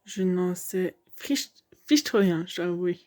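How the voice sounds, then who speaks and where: A woman's voice: on the low side, lively intonation, slow pace, mellow. A young woman giving casual commentary on a video game, hesitant and thinking aloud with many fillers.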